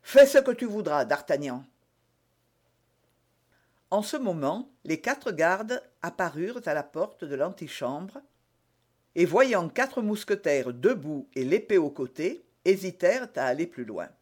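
A man narrating a classic novel as an audiobook, in steady, even storytelling. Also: high voice, a little slow.

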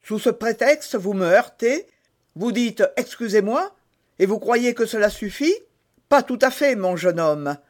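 A man's voice: high voice, measured pace, voice pushed up. A man playing a haughty wounded musketeer. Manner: haughty and menacing. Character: proud, wounded male musketeer, haughty and cold. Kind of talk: audiobook character voice.

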